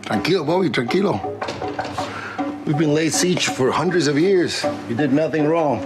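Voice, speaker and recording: An actor playing a calm, steady male mentor who reassures a friend, heard as a film clip. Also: on the high side, normal speed, close to an everyday voice. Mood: reassuring. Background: film score music.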